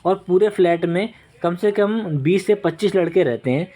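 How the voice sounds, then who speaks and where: A man's voice: high-pitched, moderate pace, dark tone. A young man giving an exam vocabulary lesson, repeating points and checking in with "okay" and "right". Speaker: vocabulary teacher.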